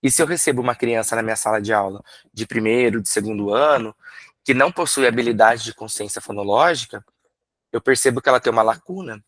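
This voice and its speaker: A man from Brazil, a literacy teacher, explaining in a workshop lecture, asking himself rhetorical questions and sounding out syllables slowly. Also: medium pitch, fairly bright tone, dry recording.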